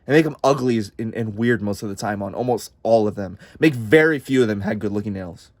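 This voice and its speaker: A man's voice: lowish voice, a little fast, dry recording. A man delivering a profane, exasperated comedic rant, talking in a rambling way. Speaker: comedic vlogger.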